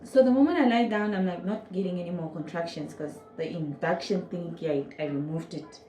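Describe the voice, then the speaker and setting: A woman's voice: fairly low pitch, brisk, echoey room, a little hiss or hum, poor audio. A young woman with a Namibian accent, telling a personal story casually to her viewers and acting out moments. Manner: animated, acts out moments with quoted voices and sound effects. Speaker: vlogger.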